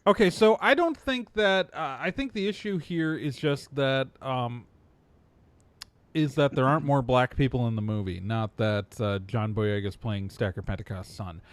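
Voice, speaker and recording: A man in a relaxed panel podcast, talking things through in a rambling, halting way. His voice sits at an ordinary middle pitch, and he keeps restarting and circling back mid-thought. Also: no room sound. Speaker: podcast co-host. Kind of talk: casual panel chat.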